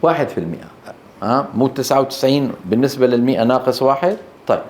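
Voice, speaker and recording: A man's voice: mid-range voice, expressive, rapid-fire, darkish tone, a little hiss or hum. A man with a Levantine Arabic accent teaching Quran recitation to a class in a hall, speaking emphatically and quizzing his students with short questions. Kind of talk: classroom lecture. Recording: echoey room.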